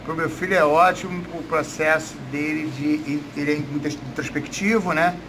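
A man's voice: a little high, steady tone, moderate pace. A Brazilian man in his fifties, a coach giving casual interview answers in a gym with noise behind him. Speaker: jiu-jitsu coach. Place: indoors, gym room. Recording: noticeable background noise.

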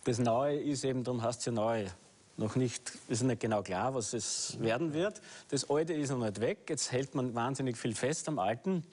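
A man's voice: medium pitch, normal speed, a little mellow. A middle-aged man speaking as a guest author, earnest and hesitant with many fillers. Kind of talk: studio discussion. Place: studio set with books.

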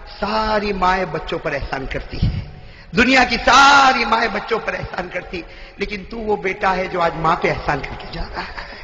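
High, shouting preacher in an echoey hall. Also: male voice, a little hiss or hum. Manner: dramatic storytelling, acting out dialogue, swelling to shouts. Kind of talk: emotional religious sermon. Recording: echoey hall, dull lo-fi sound.

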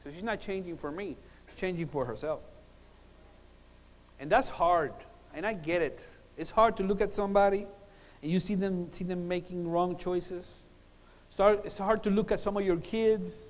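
Born in Cuba and living in Puerto Rico, this middle-aged preacher has a voice that sits high. He delivers a sermon laced with funny personal anecdotes, leaning on emphatic pauses and repetition, from a lectern in a large conference hall, captured by a lapel mic through a reverberant sound system.

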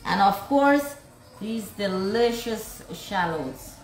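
A woman's voice: medium pitch, lively intonation, slow pace, roomy sound, faint music behind, rough recording. A woman hosting a live cooking vlog, effusively sending love to viewers while she seasons food. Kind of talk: live cooking demonstration with viewer shout-outs.

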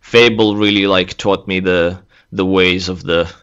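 A man in his thirties from Latvia, a guest artist chatting casually in an interview, relaxed and laughing easily. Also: low voice, measured pace, smooth, muffled recording. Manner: relaxed, laughs easily, speaks in loose restarts. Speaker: guest, senior environment artist.

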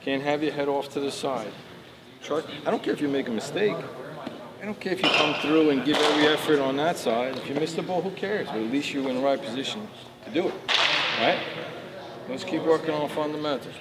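A man's voice: a little high, fairly quick. A man coaching young baseball players at a clinic, giving direct, instructive pointers. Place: large indoor sports dome. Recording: loud background noise in gym.

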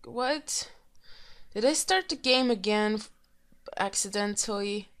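A woman hosting a let's play, hoarse from being sick and reacting to the game with excited exclamations and giggles. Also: medium pitch, takes it slowly. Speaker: gaming video host. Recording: faint music behind.

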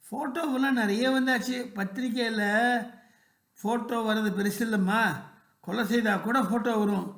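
Calm, reassuring grown son, a busy official, put on by a narrator, roomy storybook sound. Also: mid-range voice, normal speed, lightly acted. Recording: roomy echo.

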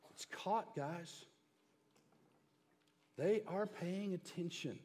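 Man preaching in a reverberant church. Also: medium pitch. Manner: emphatic, shifting between loud and hushed. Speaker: pastor. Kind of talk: sermon. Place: church sanctuary. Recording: long hall reverb.

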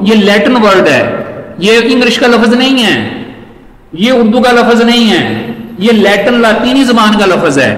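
A man teaching an exam-prep class, repeating each point and reading English lines slowly. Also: sits high, lively intonation, fairly bright tone. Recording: echoey hall with faint noise.

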